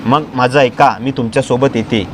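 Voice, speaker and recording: A man voicing a tearful, devoted young wife in a spoken storybook, with a soft, pleading delivery. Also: mid-range voice, fairly even intonation, normal speed, noisy background, natural voice. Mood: tender, pleading.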